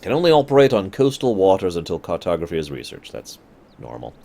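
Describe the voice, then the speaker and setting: Quick and very animated, this man's low-pitched voice is creaky yet mellow. He chats casually through a strategy game for his stream viewers, talking to chat and swinging into sudden mock outbursts.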